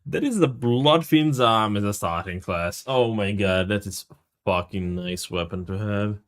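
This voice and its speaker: A man's voice: lowish voice, a little slow. A man from Serbia, casually commentating a live game stream, greeting chat and swearing freely.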